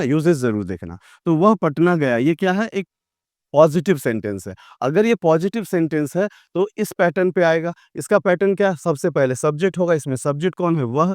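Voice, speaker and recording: A man teaches English grammar in a fairly high voice, walking through each rule one step at a time. His recording is dry and close, with no room sound. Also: a little mellow, no room sound. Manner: explains step by step with repeated checks. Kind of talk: classroom lecture.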